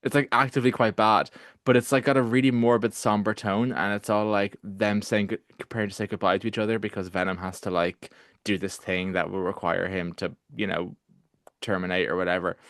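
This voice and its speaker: A man co-hosting a film podcast, arguing his take in animated casual chat full of restarts and fillers. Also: lowish voice, brisk, dry recording, studio quality. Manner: animated, argumentative, lots of restarts and "like". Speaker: podcast co-host.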